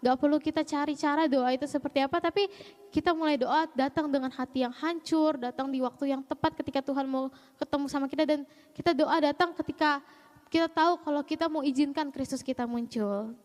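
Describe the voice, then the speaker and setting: A woman's voice: high voice, steady tone, a little fast, a little mellow. A young woman speaking earnestly to a church congregation about prayer. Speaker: church member sharing on prayer. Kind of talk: closing words of a short church talk. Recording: long hall reverb.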